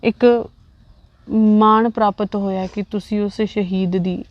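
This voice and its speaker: Flat-voiced woman interviewer, formal. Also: mid-range voice, takes it slowly, no room sound, muffled recording. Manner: steady, formal, brief acknowledgements. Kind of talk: interview questions and prompts.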